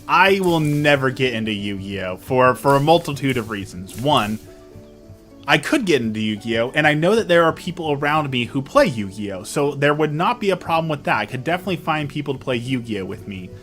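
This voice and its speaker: A young man streaming and chatting casually with his viewers, animated and self-mocking as he tells stories. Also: medium pitch, brisk, faint music behind. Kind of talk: casual chat with live chat.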